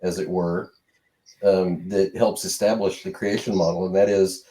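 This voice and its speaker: Low, mellow male voice, deliberate explainer. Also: steady tone, low-quality recording. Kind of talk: casual explanation.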